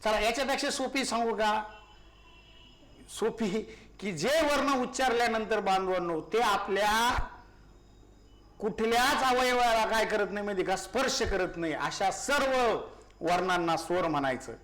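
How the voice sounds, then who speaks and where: A man's voice: sits high, measured pace, a bit bright. A male teacher giving a grammar lesson, asking questions and answering them himself, repeating key words and often calling his listeners brothers.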